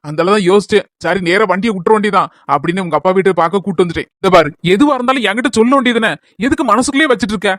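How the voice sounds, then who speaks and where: A man's voice: high voice, very fast, a bit bright, no room sound, clean studio sound. A man playing a reassuring husband in a scripted family skit. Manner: reassuring, earnest.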